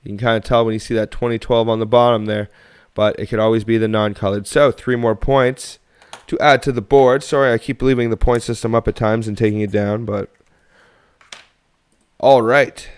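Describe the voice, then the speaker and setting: A man's voice: fairly low pitch, steady tone, moderate pace, smooth. A young man from Canada hosting a coin roll hunting livestream, chatting casually and rambling to viewers as he sorts coins. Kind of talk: casual live-stream chat while sorting coins.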